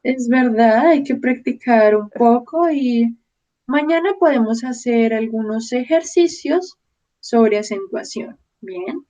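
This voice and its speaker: A woman leads a Spanish lesson in a fairly high voice, slowly and patiently, pronouncing each word with care. The sound is dull and lo-fi, like a call recording. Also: expressive, warm tone. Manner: slow, patient, clearly articulating each word. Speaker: Spanish teacher. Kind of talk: online language lesson.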